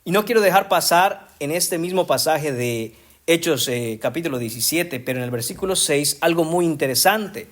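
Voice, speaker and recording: A man's voice: fairly high pitch, expressive, moderate pace. A man preaching a sermon as a pastor, speaking emphatically and often addressing the congregation as brothers. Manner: emphatic, rising to strong stresses on key words.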